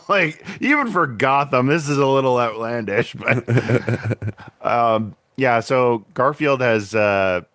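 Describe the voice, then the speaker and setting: A man hosting a podcast who jokes along and recaps an episode's plot in a relaxed, casual way. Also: medium pitch, no room sound. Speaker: podcast host. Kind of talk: casual chat.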